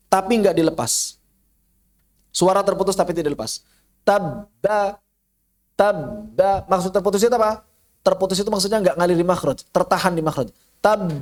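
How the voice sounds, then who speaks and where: A man with an Indonesian accent teaching Quran recitation online, repeating syllables to demonstrate sounds and then explaining them. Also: high-pitched. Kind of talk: online tajwid lesson.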